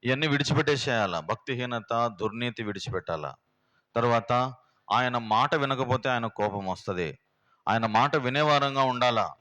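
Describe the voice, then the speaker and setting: A man's voice: medium pitch, animated, moderate pace, bright, forceful tone. A pastor, preaching a plain, homely sermon and firing rhetorical questions at his congregation in a prayer house. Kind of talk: sermon teaching.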